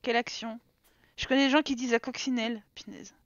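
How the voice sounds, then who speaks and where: A woman's voice: on the high side, fairly even intonation, fast talker, muffled recording. A woman streamer chatting casually while playing a life-sim game, teasing her characters and reading her chat aloud. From France. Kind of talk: casual live-stream commentary.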